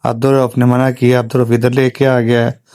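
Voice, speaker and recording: A man's voice: medium pitch, flat delivery, a little fast, a little mellow, clean tone, dry recording. A man narrating a family vlog as a father, plainly recounting the day's events step by step. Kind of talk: voice-over storytelling.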